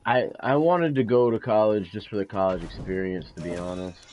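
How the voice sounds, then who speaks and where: A man's voice: fairly low pitch, fairly quick, darkish tone, slight background noise. A man chatting casually on a gaming stream, blunt and teasing, swearing heavily. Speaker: co-player on stream. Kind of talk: casual chat while gaming.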